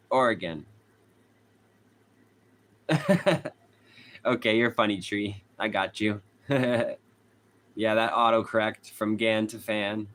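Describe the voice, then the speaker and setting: The host of a true crime channel, a young man with a Boston accent, streams casually from a hot room in his home. With a fairly low pitch and fairly bright tone, he chats with his audience, reads their comments aloud, and laughs frequently.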